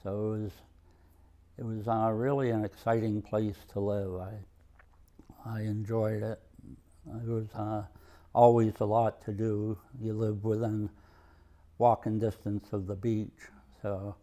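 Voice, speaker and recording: An older retired man with a Maine accent, reminiscing in an interview in a halting, plainspoken, understated way. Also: fairly low pitch, warm tone. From Maine, USA. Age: over 65. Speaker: retired mill worker and museum volunteer. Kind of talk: oral history interview, reminiscing.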